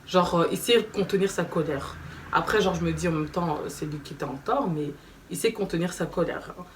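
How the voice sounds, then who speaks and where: A young woman telling a story in a casual vlog, animated and slangy, acting out quoted dialogue. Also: fairly low pitch, a little fast. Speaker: vlogger. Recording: slightly distant mic with faint background noise.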